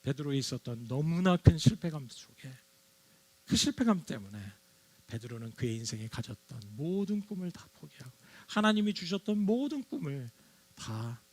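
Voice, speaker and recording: A man's voice: medium pitch, animated, moderate pace. A man preaching a Sunday sermon as pastor, earnest and dramatic, acting out the quotes he tells. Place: church sanctuary.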